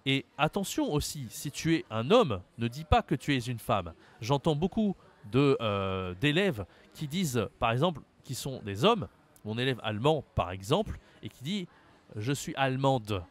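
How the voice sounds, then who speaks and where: Example words are drawn out and over-articulated by a French man teaching his language. He speaks to the learner directly, in a medium-pitched voice.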